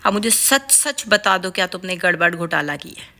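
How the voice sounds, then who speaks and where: A woman's voice: mid-range voice, animated, pushed and bright. A woman playing an exasperated mother who scolds her daughter in a comic skit. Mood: stern.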